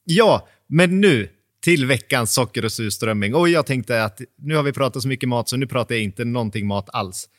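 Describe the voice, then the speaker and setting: A man's voice: mid-range voice, no echo, clean studio sound. A man hosting a podcast at home in casual chat, talking freely and laughing often mid-sentence. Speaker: podcast host.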